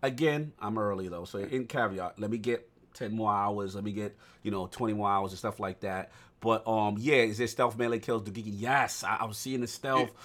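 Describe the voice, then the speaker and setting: A man co-hosting a casual podcast, talking games in slangy, animated speech that turns loud when he gets excited. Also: fairly low pitch, moderate pace, hardly any pauses. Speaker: podcast co-host. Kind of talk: casual game discussion.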